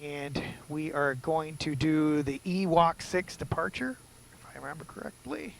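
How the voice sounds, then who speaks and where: A man with a slightly high, gravelly voice speaks a little slowly, recorded with poor audio. He gives casual, self-deprecating commentary, muttering to himself while doing the cockpit setup for a simulated flight.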